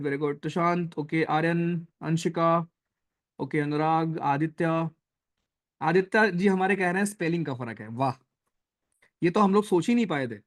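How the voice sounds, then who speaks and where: A young man teaching a live online class, chatty and teasing, mixing English terms into his talk. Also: fairly high pitch. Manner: chatty, teasing, addresses students as brothers and friends; mixes Hindi with English terms. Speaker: online exam-prep teacher.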